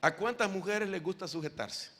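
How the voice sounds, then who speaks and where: Preacher, male, high and gravelly, bright edge, lively and animated sermon delivery. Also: moderate pace. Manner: animated preaching, often calling listeners "brother"; asks the audience questions directly. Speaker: apostle preaching to a congregation.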